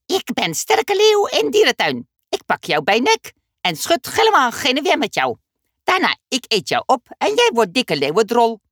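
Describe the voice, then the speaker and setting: A woman voicing an eager, excitable boy who speaks in broken, ungrammatical sentences. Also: high-pitched, normal speed, no echo, studio quality, pitched above the performer's own voice, full character voice. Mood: playful roar.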